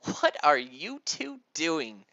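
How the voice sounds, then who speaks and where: A man voicing a no-nonsense mother of two, brisk and matter-of-fact. Dull lo-fi recording. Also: on the high side, sing-song, pushed and bright, no room sound, pitched above the performer's own voice, full character voice.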